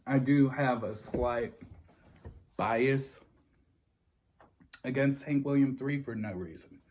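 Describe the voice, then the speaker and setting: A man's voice: medium pitch, slow pace, darkish tone. A man hosting a mukbang, chatting casually with a friend. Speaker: host of a mukbang food vlog.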